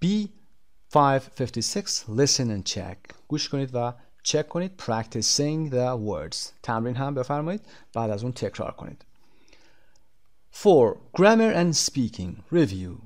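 A man's voice: medium pitch, big pitch swings, darkish tone. Man teaching English words. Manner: reads English words slowly and carefully, explains quickly in Persian. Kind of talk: bilingual textbook lesson.

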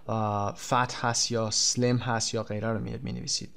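A male teacher giving a classroom language lesson, explaining in Persian and reading English example words slowly and clearly. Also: medium pitch, level tone, a bit bright.

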